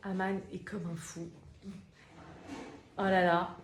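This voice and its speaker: A woman telling a religious story to a group of women in a lively, chatty way, addressing her listeners directly. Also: fairly low pitch, slow pace. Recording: roomy echo, faint noise.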